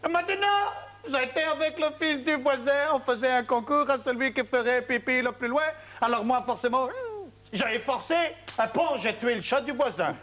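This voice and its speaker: A man's voice: high-pitched, lively intonation, brisk, fairly bright tone. An actor playing a hapless father, telling a long rambling story in a TV comedy sketch. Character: bumbling hapless father, middle-aged man.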